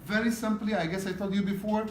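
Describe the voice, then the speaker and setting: This exam prep teacher talks fast with fairly even intonation, his voice a bit high for a man. The mic sits far off in an echoing room, leaving a roomy sound with faint noise beneath. He lectures in loose spoken bursts, repeats himself, and often asks "okay?" to confirm students are following.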